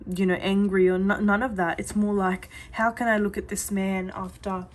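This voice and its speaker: A woman's voice: medium pitch, little pitch movement, moderate pace. Earnest woman giving a psychic reading. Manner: earnest and reassuring, repeats "I do see"; chatty, with many fillers and restarts. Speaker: psychic reader. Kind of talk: reading coffee grounds to a client.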